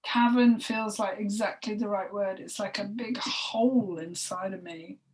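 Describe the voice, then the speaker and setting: A woman co-hosting a spoken energy healing session, talking in a halting, emotional way, with sighs and soft breathy asides. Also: medium pitch. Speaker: healing session practitioner and co-host. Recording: voice distant from the mic.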